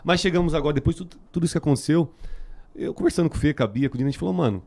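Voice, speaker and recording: Brazilian guy, sao paulo portuguese accent, talks super quick n slangy, kinda mellow voice, casual podcast chat. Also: a little high, vocal fry. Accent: Brazilian Portuguese, São Paulo. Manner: heavily slangy, filler-laden street talk. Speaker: band musician, interview guest.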